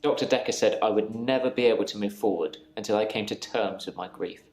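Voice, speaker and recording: An actor in a live-action mystery game playing a troubled male patient who calmly recounts reliving the same day. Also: lowish voice, fast, close to an everyday voice. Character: troubled male patient haunted by repeating days. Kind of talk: scripted game dialogue. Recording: roomy with game music.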